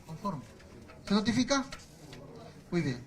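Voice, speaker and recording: A man with a Peruvian Spanish accent presiding as judge over a court hearing, giving procedural instructions and rulings, often pausing on fillers. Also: high-pitched, very animated.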